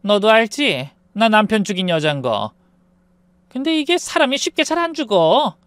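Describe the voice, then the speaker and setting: A man voicing a calm, menacing middle-aged mother who talks slowly and softly in a Korean story narration. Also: medium pitch, no room sound, pitched above the performer's own voice. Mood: coldly menacing. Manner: slow, soft and chillingly calm.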